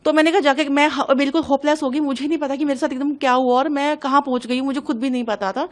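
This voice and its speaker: Speaking to a news reporter, a young woman gives an urgent, agitated, hurried account of an incident in emotional testimony. Her voice is high-pitched with a steady tone.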